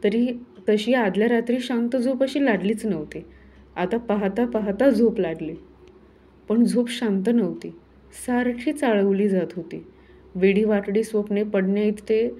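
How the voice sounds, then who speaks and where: A woman reading a horror novel aloud in a measured, clear, steady storytelling manner. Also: medium pitch. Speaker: audiobook reader.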